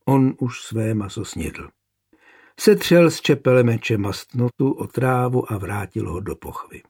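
Gravelly male audiobook narrator. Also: mid-range voice, lively intonation, a little mellow. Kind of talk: scripted narration.

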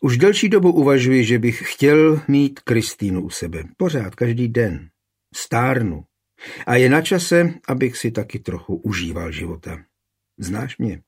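A man's voice: mid-range voice, very animated, darkish tone, slightly rough. A man voicing Jan, a tender aging father. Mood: earnest.

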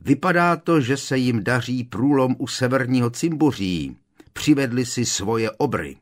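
Male reader voicing a gray-haired old wizard, urgent shouting. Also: mid-range voice, huge pitch swings, voice pushed up. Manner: shouting in haste. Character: old gruff wizard leading a charge.

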